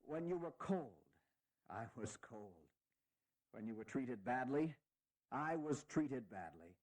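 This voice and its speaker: A man playing a dignified, fatherly aging general, giving stirring, deliberate and sometimes halting oratory in a historical audio drama. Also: medium pitch, expressive, darkish tone. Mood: earnest, heartfelt. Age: older.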